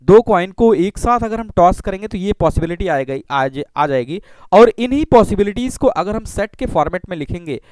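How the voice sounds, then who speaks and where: A man teaching a maths lesson. He explains slowly, repeats himself and keeps checking in with "okay" and rhetorical questions. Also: high-pitched, animated, darkish tone, dry recording. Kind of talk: classroom lecture.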